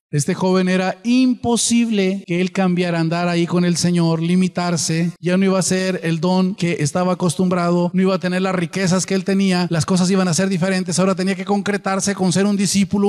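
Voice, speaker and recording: High-voiced preaching man in a reverberant hall. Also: fairly even intonation, brisk, few pauses, a little mellow. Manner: preaching with rhetorical questions to the congregation. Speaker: pastor. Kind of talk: sermon.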